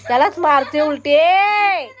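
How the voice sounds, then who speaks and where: A woman's voice: high-pitched, takes it slowly. A woman vlogging at home, chatting to viewers and coaxing and scolding her toddler in a casual way. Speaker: vlogger mother. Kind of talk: casual home vlog chat. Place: home, indoors.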